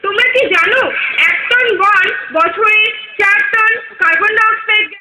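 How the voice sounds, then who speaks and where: A woman's voice: extremely high pitch, normal speed. A woman voicing a grieving female nature spirit that speaks as a river and a tree, lamenting and preaching in rhyming verse. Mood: tearful pleading. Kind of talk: stage play acting. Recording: roomy echoey hall.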